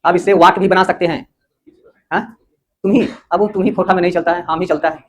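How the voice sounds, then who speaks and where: A man. He explains patiently, pauses often to ask whether the class has understood, and keeps the students moving along. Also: high voice, fairly even intonation. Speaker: teacher. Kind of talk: classroom lecture.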